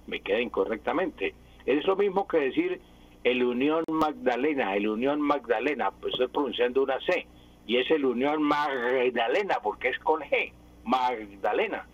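A man gives a didactic explanation on the radio, drilling words over and over. His voice is husky and a bit breathy. The sound is dull and lo-fi, like an AM broadcast. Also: medium pitch. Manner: didactic, repeats words to demonstrate pronunciation. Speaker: language expert on radio.

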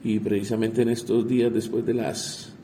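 Congressman, male, deep dark tone, halting interview answers, faint hiss. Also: level tone. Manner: halting, repeats words while searching.

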